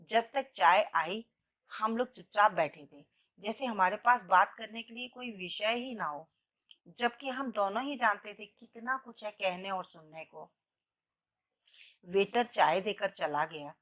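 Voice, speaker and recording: A woman storyteller narrating a first-person romantic story in an expressive, emotional reading. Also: mid-range voice, a little slow.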